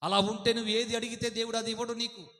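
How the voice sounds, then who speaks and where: A man's voice: very high-pitched, little pitch movement, fast talker, pushed and bright. A man preaching a sermon with a Telugu accent, fervent and asking the congregation question after question. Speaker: pastor. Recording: long hall reverb.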